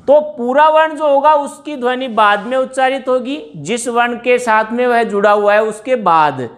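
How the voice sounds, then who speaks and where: A man's voice: very high-pitched, a bit bright. A man teaching a grammar lesson, explaining step by step and asking his students questions before answering them himself. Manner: drawn-out words when stressing examples.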